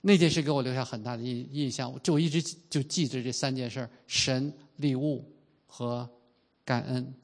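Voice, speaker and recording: A man in his fifties preaching a sermon in an earnest way, slowing down and stretching out the key phrases. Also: medium pitch, steady tone. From China. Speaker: pastor.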